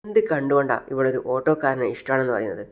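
A man's voice: medium pitch, rapid-fire, close to an everyday voice. A man playing a stern, angry father who scolds his grown daughter, in a retold family serial. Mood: angry scolding.

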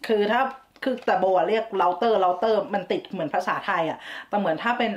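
A woman's voice: mid-range voice, moderate pace, dull audio. A woman from Thailand hosting a vlog, explaining words in a chatty way with English words mixed in and giggly asides. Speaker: vlog host. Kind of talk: casual explainer chat.

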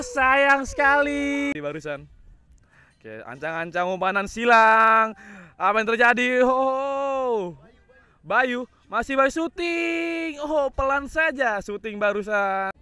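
A man calls a football match in an extremely high, piercing voice. His delivery is exclamatory and stretched out, with frequent outcries over the play. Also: sharp tone, clean tone, no echo. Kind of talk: live play-by-play sports commentary.

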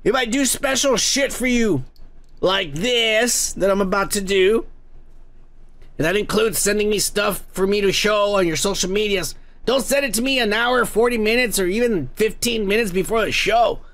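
With a high-pitched, somewhat bright voice at a moderate pace, a man hosts a show from home and reads viewer comments. His casual style rambles and swears freely with frequent restarts, and his mic is heavily compressed.

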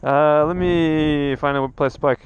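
A man's voice: on the high side, fairly even intonation, a little slow, highs cut off, a little hiss or hum. A man talking casually while riding a motorcycle, rambling with lots of restarts and fillers, recorded on a helmet camera. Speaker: motovlogger. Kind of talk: casual riding vlog monologue. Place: riding a motorcycle outdoors on a coastal road.

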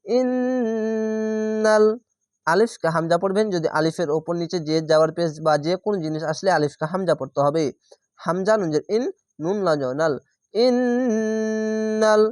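A man teaching Quran reading, spelling letters out slowly and then chanting the drawn-out recited words. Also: a little high, no echo, clean studio sound.

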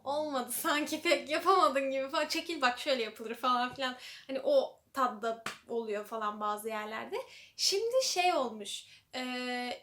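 Young woman, vlogger, high voice, casual chat, lots of fillers, acts out quotes. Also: a bit bright.

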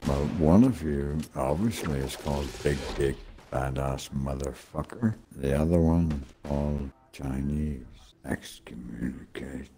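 A man's voice: very deep voice, a little slow, vocal fry, few pauses, mellow. A man chatting casually and jokingly with friends while recording gameplay. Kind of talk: casual joking gaming banter.

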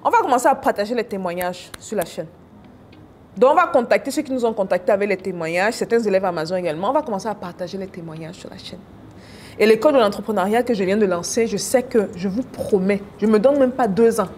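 A woman's voice: medium pitch, fast, a little mellow, a little hiss or hum. A woman business coach walking viewers through products on screen in a casual, teasing, exclamatory way. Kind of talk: casual screen-share teaching.

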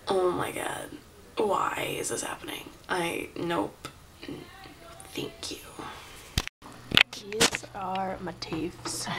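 A woman's voice: lowish voice, slight background noise. A woman in her twenties chatting casually to camera, hesitant and nervous. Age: 20s. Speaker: vlogger. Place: small dark bedroom, indoors. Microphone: camera at arm's length.

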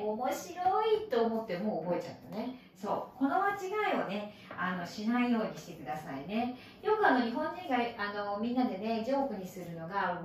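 A lively woman teacher with a Japanese accent explains English words, her voice bouncing up and down in pitch. She sits a bit back from the microphone in a very echoey room, with a faint hum behind her. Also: far from the mic. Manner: animated, explains with playful sound effects. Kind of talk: recorded English lesson.

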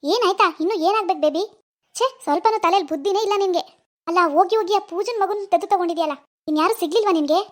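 Snobbish middle-aged mother in a cartoon, as a woman puts her on. She talks loud and high, and she scolds sharply in a condescending tone. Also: fast. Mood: scornful.

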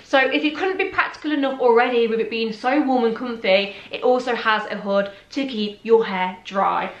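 A fashion vlogger in her twenties sits on her bed in her bedroom, chatting to viewers, whom she calls guys, about clothes she bought. Her mid-range, fairly bright voice is slightly worn and losing itself from talking. The sound is reverberant and lo-fi.

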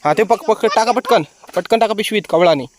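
A man's voice: high-pitched, brisk, a little hiss or hum. A man vlogging outdoors by a stream pool, cheerfully urging children on as they catch fish. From Konkan, India. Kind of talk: casual outdoor vlog narration.

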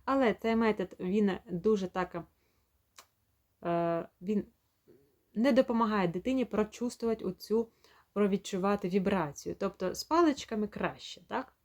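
A woman speech therapist walks parents through a home lesson in an even, middle-pitched voice. She explains step by step and stops to act out each sound slowly and clearly.

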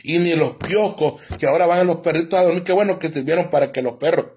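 A man with a strongly husky, somewhat high voice rants live to his viewers. He preaches, insults and prophesies doom. The delivery is heated and sermon-like. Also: fast, a little mellow. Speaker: live streamer. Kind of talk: ranting live-stream monologue.

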